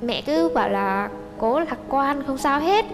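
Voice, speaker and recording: A woman's voice: high-pitched, lively intonation, a little slow, in a large hall, music in the background. A young woman chats on a TV talk show. She tells her stories as a guest, linking one event to the next with "xong", and mimics the people she quotes. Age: young adult. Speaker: guest daughter-in-law. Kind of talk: casual storytelling on a TV talk show.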